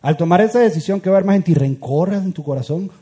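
A man preaching a sermon as a pastor, swinging from loud urgent build-ups to hushed, quiet lines. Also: high voice, fast, husky.

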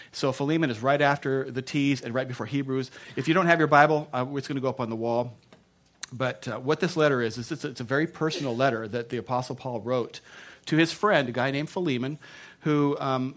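A man with a Texan accent preaching a sermon, joking and animated, with many restarts. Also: mid-range voice. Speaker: pastor.

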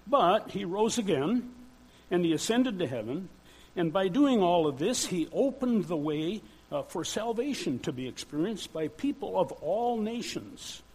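An older man preaching a sermon in a church, earnest and measured, with pauses. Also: sits high, sing-song, darkish tone, breathy edge, poor audio. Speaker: church speaker.

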